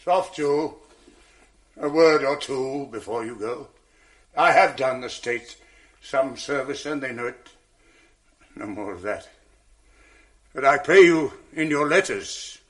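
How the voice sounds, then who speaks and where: An actor playing Othello, a proud general broken by grief, declaiming verse in a 1980s radio drama. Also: male voice, medium pitch. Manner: declamatory verse, swings from loud to whispered.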